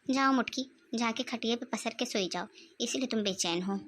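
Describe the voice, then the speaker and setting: A woman's voice: high voice, a little fast, background noise, close to an everyday voice. A woman voicing a young village wife in a cartoon, insistent and complaining. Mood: sulky. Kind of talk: cartoon voice acting.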